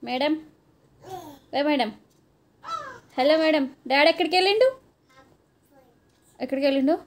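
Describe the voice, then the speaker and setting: A mother with a Telangana Telugu accent films her toddler at home on a phone, speaking at normal speed in a high voice. In playful sing-song baby talk, she coaxes and teases the child.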